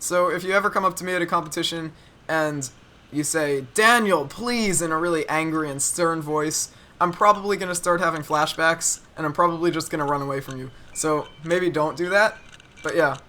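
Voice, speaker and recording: A young man with a bright, ringing voice recounts a childhood story in a relaxed, chatty vlog. He pitches a little higher than most men and pokes gentle fun at himself as he talks. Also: fairly quick. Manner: chatty, self-deprecating, relaxed. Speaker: cubing YouTuber. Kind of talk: casual storytelling to camera.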